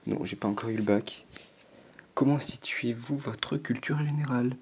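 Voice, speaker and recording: Husky 14-year-old boy, hesitant. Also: medium pitch, normal speed. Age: teenager, 14. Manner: hesitant, stammering, self-mocking, many fillers. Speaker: YouTuber answering an online quiz. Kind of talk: casual commentary reading quiz questions aloud.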